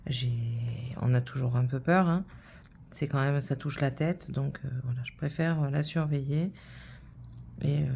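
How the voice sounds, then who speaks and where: A woman's voice: deep voice, creaky, dark tone. A woman in her thirties chatting casually while stitching, telling a rambling story full of fillers. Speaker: vlogger.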